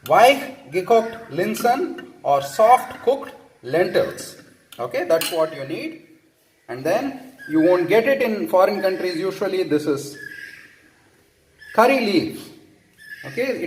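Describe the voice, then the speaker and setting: A man's voice: high voice, big pitch swings, slow pace, long pauses, reverberant, slight background noise. A man from India with an Indian English accent, casually explaining how he cooks at home and often checking in with "okay?". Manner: chatty, tags lines with "okay?", self-correcting. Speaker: home cook. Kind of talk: casual cooking tutorial. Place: home kitchen.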